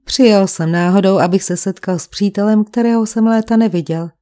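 A calm middle-aged police commissioner asks his questions gently and steadily, voiced by a woman reading an audiobook. The voice sits a touch lower and firmer than her narration, warm and mellow in tone. It stays measured and unhurried. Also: natural voice. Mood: calm, probing. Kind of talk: audiobook character voice.

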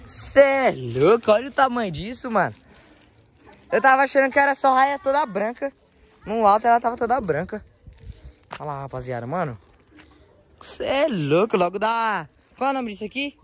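A young man with a São Paulo Brazilian accent, chatting casually and excitably in slang to a handheld phone outdoors as he vlogs. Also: high voice, a little fast, long pauses. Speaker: vlogger. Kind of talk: casual vlog chat. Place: outdoors in a residential yard. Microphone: handheld phone, held by the speaker.

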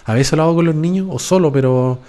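A man's voice: a little high, quick pace, dark tone. Chilean guy in his 40s talking at home into a podcast mic, super slangy, swears a ton. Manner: slangy, swearing often, keeps tagging a question to the listener. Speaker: podcast host. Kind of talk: casual chat. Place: at home, indoors. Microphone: podcast microphone.

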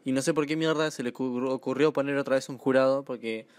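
A man's voice: mid-range voice, fairly even intonation, quick pace, no echo. A young man with an Argentine accent giving crude, sarcastic comic commentary on TV clips. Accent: Argentine Spanish. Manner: crude, sarcastic, swears a lot. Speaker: YouTube commentator.

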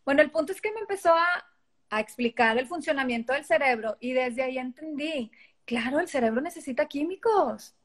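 A woman's voice: high-pitched, expressive, a little fast. A middle-aged woman with a Mexican accent, a guest in a casual interview, talking animatedly and acting out quoted dialogue. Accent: Mexican Spanish.

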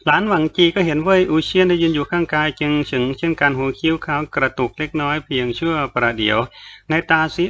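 A man narrating a novel aloud in steady, even storytelling, in a dull recording with faint hiss. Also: a little high. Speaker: audiobook narrator.

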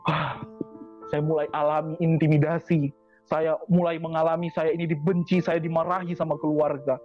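Man with a high voice, earnest and repetitive, for a church testimony; dull lo-fi sound with faint music behind. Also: level tone, moderate pace. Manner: repetitive, earnest, heartfelt phrasing. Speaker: convert giving a church testimony. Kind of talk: personal testimony to a congregation.

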